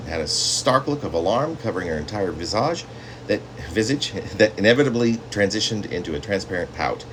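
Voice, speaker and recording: A poet with a low voice reads his own literary story with theatrical, drawn-out phrasing and dramatic emphasis, and background noise is audible.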